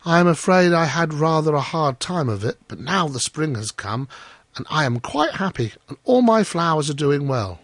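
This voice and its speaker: A man's voice: fairly high pitch, big pitch swings, moderate pace, a bit bright, dry recording, voice pushed up, heavily acted. A man voicing a humble, grateful, naive gardener in a storybook, earnest and polite. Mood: grateful, cheerful. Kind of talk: storybook character voice.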